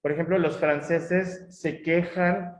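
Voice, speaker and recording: A middle-aged Mexican man with a Mexican Spanish accent gives a conversational conference talk, slowly and with fairly even intonation in a slightly high voice. He tells anecdotes full of tag questions and fillers. The room audio is echoey, dull, and lo-fi.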